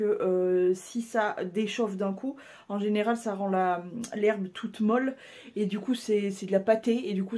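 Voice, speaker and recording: A woman chatting casually to her viewers in a vlog, outdoors in a cold yard with her animals, sometimes switching to high, cooing baby talk toward them. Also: dark tone, no echo. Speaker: vlogger.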